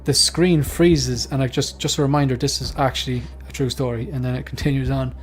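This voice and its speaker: A man taking part in a quiz, chatting casually and reasoning out loud in a rambling way. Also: mid-range voice, steady tone, fairly quick. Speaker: quiz contestant. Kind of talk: casual chat, thinking out loud. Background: faint music.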